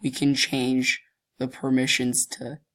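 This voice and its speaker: Slow, completely flat, and medium-pitched, the voice is pushed and bright. It belongs to a young man hosting a gaming channel who has a cold that makes him sound stuffy and deeper. Mischievous and giggly, he often bursts out laughing while casually narrating a screen recording, thinking aloud as he clicks around.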